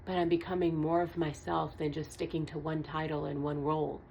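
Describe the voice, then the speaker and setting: Her low-pitched voice stays level in tone, moves fairly quickly, and sounds gravelly yet a little mellow, with slight background noise behind it. The woman, a tarot reader, gives an earnest, emphatic monologue for a spiritual vlog, relaying a channeled message, repeating herself, and swearing casually.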